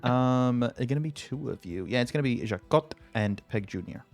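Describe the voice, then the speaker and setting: A man narrating a tabletop fantasy game as game master, telling it with suspense and deliberate pauses. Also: mid-range voice, lively intonation, vocal fry, darkish tone, faint music behind.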